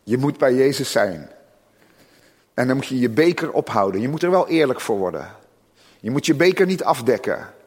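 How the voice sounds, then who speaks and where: A man preaching a sermon in a church, impassioned, rising loud and high on his points. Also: lively intonation, normal speed, husky. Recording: long reverb of a church hall.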